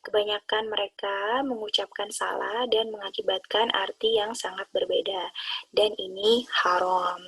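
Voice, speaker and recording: A woman calmly explaining Quran recitation rules to her students. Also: medium pitch, normal speed, creaky, slightly rough. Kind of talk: explaining a lesson.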